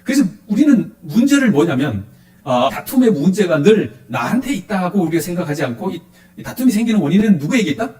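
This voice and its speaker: Man, pastor, quick sermon, questions to the flock, lively pitch, echoey church. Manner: animated, asks the congregation questions.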